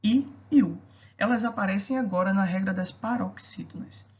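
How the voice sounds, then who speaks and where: A woman's voice: medium pitch, normal speed. A woman teacher giving a recorded grammar video lesson, explaining rules step by step and checking in with rhetorical questions. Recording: dull lo-fi recording.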